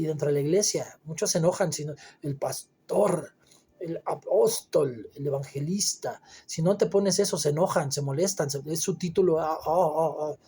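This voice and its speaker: Man preaching, husky and dark. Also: fairly high pitch. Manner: emphatic, conversational preaching with frequent fillers and restarts. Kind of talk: Bible reading and commentary sermon.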